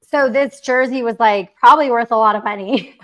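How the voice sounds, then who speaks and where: A young podcast host from Mexico City, who grew up in the Bay Area, keeps her livestream chat casual, giggly and rambling, packed with fillers. Her voice is on the high side, at a moderate pace.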